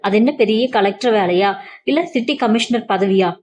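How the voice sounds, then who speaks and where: A woman voicing a sharp-tongued older mother-in-law who taunts and scolds in a story reading. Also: medium pitch, normal speed, close to an everyday voice. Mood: scornful.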